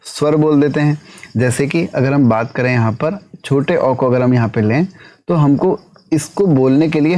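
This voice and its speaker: A man teaching an exam-prep lesson at a middling pitch. He asks questions and answers them himself, one after another. He keeps tagging his sentences with a short check-in question. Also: dark tone. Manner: keeps adding tag question "है ना".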